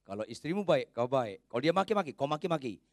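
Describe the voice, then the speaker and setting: A male pastor preaches from the pulpit with a very animated voice that climbs into loud, high exhortations and then sinks to quiet, confiding asides. He keeps tossing quick questions to the congregation. The sound is close and dry, with little room echo. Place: church pulpit before a congregation.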